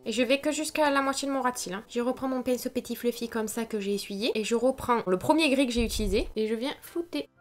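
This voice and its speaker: A woman's voice: a little high, fast, hardly any pauses, soft background music. Chatty woman doing makeup. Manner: chatty, talks to viewer while working, grumbles at mishaps. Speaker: makeup vlogger. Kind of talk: casual makeup tutorial.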